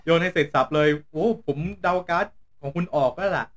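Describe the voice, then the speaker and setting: A man's voice: fairly high pitch, brisk, soft background music. A man hosting a casual chat, prompting guests with short questions. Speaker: host.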